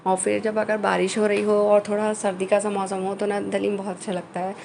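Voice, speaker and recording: Flat-voiced woman narrating her family vlog. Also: mid-range voice, gravelly, slight background noise. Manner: chatty, with frequent fillers and pauses. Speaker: family vlogger. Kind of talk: casual voice-over narration.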